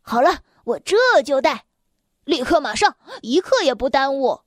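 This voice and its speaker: A woman reading a children's story, voicing an excitable chatterbox man who rambles on without pause. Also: sits high, dry recording, studio quality. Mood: excited.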